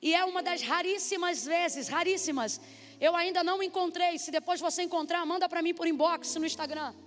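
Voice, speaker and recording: A Brazilian woman preaching a sermon, animated and calling out to the congregation. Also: extremely high pitch, fairly quick. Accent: Brazilian Portuguese. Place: church hall. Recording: echoey hall with faint music.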